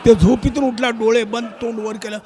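A man's voice: extremely high pitch, normal speed, heavy background noise. A man from Maharashtra, a comedian and folk performer, telling a funny story on stage and acting out animal voices. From Nanded, Maharashtra. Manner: animated, acts out voices and sounds. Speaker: comedian and shahir. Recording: long stage-hall reverb.

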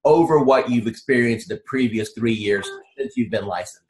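A man who hosts and coaches, asking guests brisk, direct questions. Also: mid-range voice. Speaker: host, coach. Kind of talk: interview questions.

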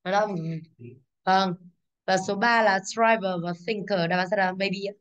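A woman teaching an English exam class, going briskly through the answers, stressing each English word and asking the class to confirm. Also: mid-range voice, fairly even intonation, fairly bright tone, clean tone, highs cut off.

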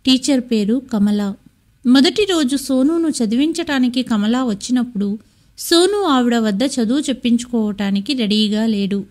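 A woman narrating a scripted story in a steady, measured way. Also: a little high.

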